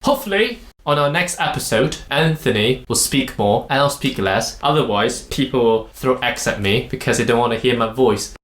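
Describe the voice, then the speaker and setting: A man's voice: mid-range voice, lively intonation, normal speed, hardly any pauses, a bit bright, echoey room. A man from Malaysia with a Malaysian accent, hosting a podcast and explaining language points in casual chat, often laughing. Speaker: podcast host. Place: room in the UK.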